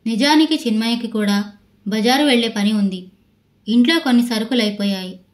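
A woman narrator reading a novel aloud in a steady storytelling manner. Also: fairly high pitch, a little fast, low-quality recording. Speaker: audiobook narrator.

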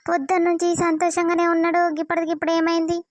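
A woman's voice: very high-pitched, monotone, racing, dry recording, studio quality. A woman voicing a worried, caring village mother fussing over her son. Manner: fussing, questioning.

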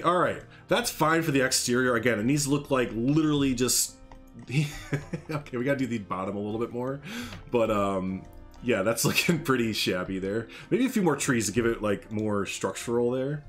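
Streaming a building game from a small room at home, a thirtysomething man from Northern Illinois jokes around with viewers in a rambling, chatty way, wearing a headset. His slight Chicago accent comes through in a medium-pitched, fairly bright voice. He talks a little fast with lively intonation, and faint music plays behind him.

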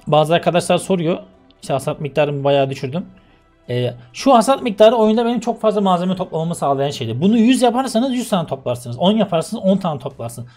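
High-voiced rambling young man gamer. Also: darkish tone. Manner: rambling, talks straight to viewers as friends. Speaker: gaming YouTuber. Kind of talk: casual let's-play chat.

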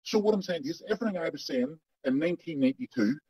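A former undercover agent gives angry first-person testimony in an interview, his voice digitally altered to disguise his identity. Fairly high-pitched, animated and quick, mellow yet slightly rough in a dry recording over a dull remote connection, he speaks bluntly and emphatically, swearing often and repeating words for stress.

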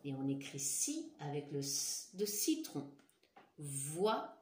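Patient woman teacher dictating slowly. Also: low voice, sing-song, a little mellow, a little hiss or hum. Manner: slow, patient, repeats and stretches words. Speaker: schoolteacher. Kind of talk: dictation lesson for young children. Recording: echoey room.

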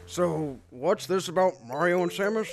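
A woman playing a male monster king in a fan audio drama, bossy yet awkwardly tender, blustering and sometimes halting shyly. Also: lowish voice, animated, over music. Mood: concerned. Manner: blustering, halting when shy.

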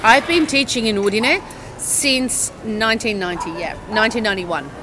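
A woman's voice: on the high side, moderate pace, noisy background. A woman in her sixties with an Australian accent, a university English teacher telling a long, rambling story in a casual interview at an outdoor cafe on a town square, stopping to correct herself and check in with the listener.

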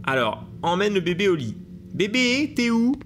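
A man commentating a video game to his viewers, excitable and laughing often, with hiccups. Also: sits high, moderate pace. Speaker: gaming YouTuber. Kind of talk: let's play commentary.

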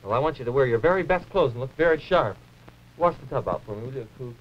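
A man's voice: medium pitch, expressive, quick pace, background noise, natural voice. A man voicing a fussy, bossy male dragon puppet on a 1950s live TV puppet show, fretting and sighing as he orders others about. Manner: fussy, fretful, bossy, full of oohs and sighs. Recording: dull early-1950s TV audio.

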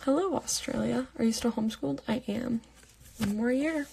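A late-teen woman from Pittsburgh, United States, hosts a live Q&A and answers fan comments in a soft, half-whispered chat. Her voice sits on the high side at a normal speed, breathy and mellow with a gravelly edge at the ends of phrases. She's in her bedroom at night, holding her phone at arm's length as the microphone.

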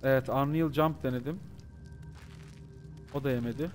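A gaming streamer with a mid-range voice chats with his audience at normal speed while playing a horror game live, faint music in the background. His commentary is excitable and full of jokes and swearing.

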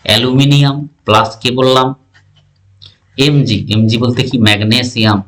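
A man's voice: mid-range voice, fairly even intonation, moderate pace, fairly bright tone. A male teacher giving an exam-prep science lesson, repeating terms and often asking the listener if they follow. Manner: keeps asking the listener questions to check understanding.

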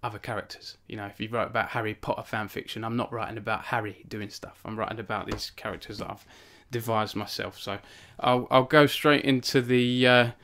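A man's voice: fairly low pitch, steady tone, a little fast, hardly any pauses, fairly bright tone. A young man hosting a casual live stream from his home cabin, rambling with many fillers and self-deprecating asides. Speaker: author hosting a book launch stream.

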